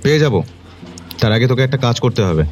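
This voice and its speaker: A man's voice: medium pitch, expressive, fairly quick, a little mellow, faint music behind, natural voice. A man as a firm, commanding police detective. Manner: firm, authoritative questioning.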